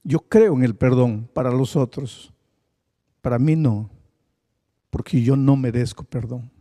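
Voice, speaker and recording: A male pastor voicing a grieving, guilt-ridden paralyzed woman in a low, subdued tone. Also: a little slow, mellow, big-room sound, natural voice. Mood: despairing.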